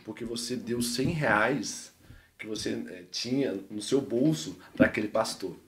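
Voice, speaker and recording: A Mineiro man voicing God, calm and fatherly. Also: medium pitch, a little slow, lightly acted. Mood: gently reproving. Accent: Mineiro Brazilian Portuguese.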